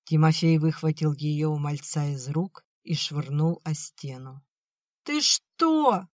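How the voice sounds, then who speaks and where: An audiobook narrator reading a novel in a measured, plain manner. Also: mid-range voice, little pitch movement, darkish tone, no room sound, studio quality. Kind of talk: scripted narration.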